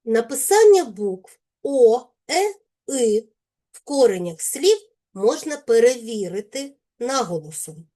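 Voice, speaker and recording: Ukrainian-accented woman teacher, unhurried, precise over each word, warm-toned. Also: fairly high pitch, very animated. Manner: slow, careful, deliberate enunciation of sounds and words. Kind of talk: scripted lesson for children.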